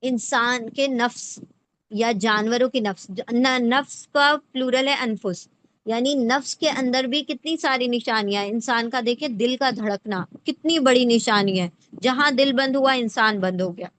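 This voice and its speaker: A woman's voice: fairly high pitch, fairly bright tone, a little hiss or hum. A woman teaching the Quran word by word in a patient lesson, breaking words into parts and often checking in with the listener. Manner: checks in often with rhetorical questions. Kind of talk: explanatory lesson.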